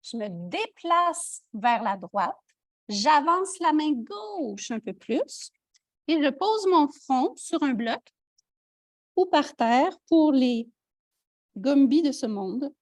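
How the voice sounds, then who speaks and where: A woman with a Quebec French accent, teaching a yoga class with calm step-by-step cues and light joking asides. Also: sits high, slow pace, no echo, studio quality. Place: yoga studio.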